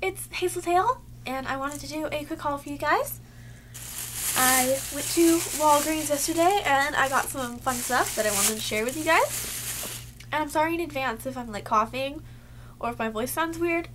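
A young woman, a beauty vlogger, chats casually to her webcam in a cluttered bedroom about a haul, her voice high and her pace moderate. She's a little sick and losing her voice, and she fills her talk with "like." There's some background noise.

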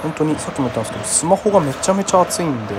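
Chatty streamer from Kagoshima, lively voice. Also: male voice, on the high side, very fast. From Kagoshima, Japan. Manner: chatty, reacting aloud to plays, apologetic. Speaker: game streamer. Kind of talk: casual live game commentary. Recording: game crowd noise behind. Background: baseball game crowd sound.

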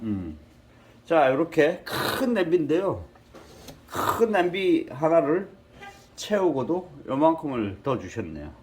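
A man's voice: on the high side, big pitch swings, slow, darkish tone, slight background noise. An older man chatting casually as a vlogger at his rural home, telling folksy stories and chuckling often. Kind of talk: casual vlog narration.

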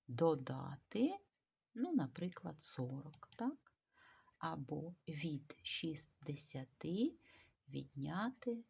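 Slow gravelly-voiced woman teacher. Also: deep voice, warm tone. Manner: slow, careful dictation of words. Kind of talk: video grammar lesson.

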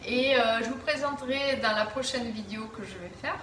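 A bright-toned woman with a slightly high voice chats casually to a camera set some way off in her living room. She talks in a loose, hesitant way, full of fillers and restarts, as she answers viewer questions. The room sounds echoey around her. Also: fairly quick, a little hiss or hum. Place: living room at home, indoors. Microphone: camera at a distance. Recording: roomy echo, voice a bit far from the mic.

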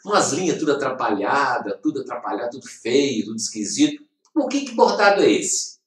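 A man's voice: medium pitch, sing-song, brisk, distant mic, lightly acted. A man voicing a small boy in a spoken parable, complaining to his mother, in an echoey room away from the mic.

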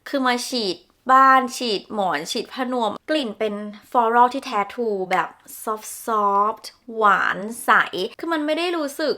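A woman's voice: a little high, unhurried, few pauses, pushed and bright. A young woman chatting casually through a perfume review, descriptive and gushing, with polite particles. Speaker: beauty vlogger.

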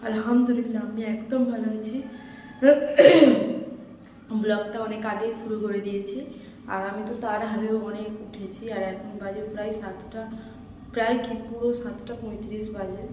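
A woman narrates her morning chores for a home vlog, her voice fairly even and unvaried. The camera sits some distance away, so the room rings heavily around her, with clear household noise in the background. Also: mid-range voice, normal speed, pauses often, very echoey, big-room sound. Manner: friendly, homely, addresses viewers as friends. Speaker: vlogger. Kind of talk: casual vlog narration while doing housework. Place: indoors at home, kitchen and bedroom.

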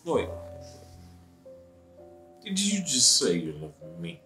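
A man's voice: low-pitched, huge pitch swings, slow, sharp tone, soft background music, heavily acted. A young man with a Nigerian accent acting a smitten lover in a romantic film, earnest and coaxing, often repeating himself. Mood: excited, teasing. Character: smitten young playboy lover, pleading and playful. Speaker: romantic lead actor.

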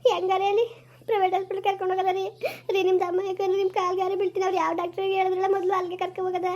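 A woman's voice: very high voice, completely flat delivery, racing, darkish tone, lo-fi sound. A woman playing a desperate young village mother who begs tearfully for her sick son in an amateur skit. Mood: pleading. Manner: pleading, tearful begging.

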